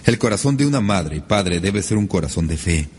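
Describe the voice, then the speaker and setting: A man preaching a sermon as a pastor, lively and emphatic, with sudden rises on key words. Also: sits low, fairly quick, husky.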